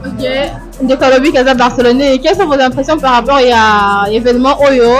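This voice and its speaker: High-voiced woman interviewing over loud music. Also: normal speed. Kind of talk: street vox-pop interviews.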